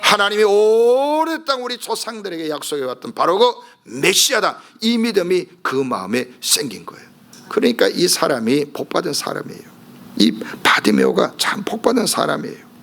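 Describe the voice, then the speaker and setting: A middle-aged pastor with a high-pitched, gravelly voice preaches at normal speed. His animated sermon has him acting out the cries of the blind man in his story.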